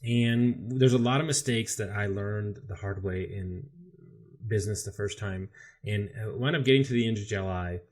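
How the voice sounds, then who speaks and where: A man telling his own story as a podcast guest, candid and animated, with frequent swearing. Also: on the low side, normal speed. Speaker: podcast guest, business coach. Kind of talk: casual storytelling interview.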